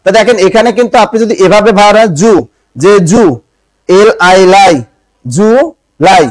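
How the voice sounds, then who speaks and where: A man's voice: high-pitched, normal speed, no room sound, low-quality recording. A man teaching an exam-prep class, quizzing students with repeated questions and spelling words out syllable by syllable. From Bangladesh.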